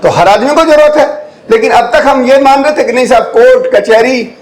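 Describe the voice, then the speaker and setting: An older man from India lectures students with a notably high voice. He drops English phrases into his explanations and keeps checking whether they follow. The hall around him rings with echo. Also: normal speed. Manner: keeps checking the audience follows, with rhetorical questions. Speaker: guest lecturer. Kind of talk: classroom lecture.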